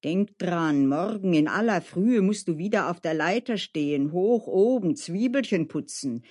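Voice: mid-range voice, lively intonation, a little slow, darkish tone. A storyteller voicing a careful, gloomy male gardener who warns and grumbles, in a storybook reading. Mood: warning. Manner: warning, grumbling.

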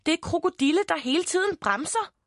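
A woman voicing a bossy, excitable little girl who shrieks and insists. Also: very high voice, no room sound, clean studio sound, voice pushed up, full character voice. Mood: excited.

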